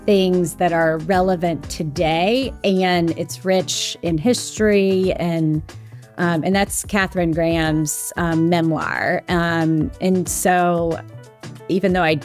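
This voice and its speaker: A woman's voice: lowish voice, fairly even intonation, slow pace, a little mellow, soft background music. A woman guest on an interview podcast, an executive chatting in an easygoing, good-humored way. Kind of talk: casual interview chat.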